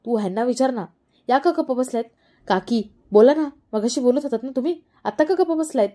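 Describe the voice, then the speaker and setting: A woman's voice: mid-range voice, brisk, mellow, lightly acted. A woman voicing an insistent young wife. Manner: pleading, pressing questions.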